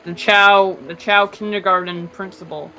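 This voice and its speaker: A speaker of middle pitch joining over a voice call that sometimes drops, chatting about games in a teasing, mock-dramatic way. Faint game music sits underneath the voice. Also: steady tone, moderate pace, pushed and bright, rough recording. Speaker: co-commentator. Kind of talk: casual gaming chat. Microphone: voice call, connection drops.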